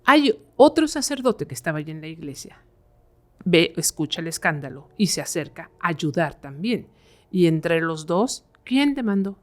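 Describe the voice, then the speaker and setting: A woman's voice: low voice, animated, moderate pace. A woman, a podcast guest, telling a horror story in a conversational way, full of fillers. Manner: conversational, many fillers like "eh" and "este".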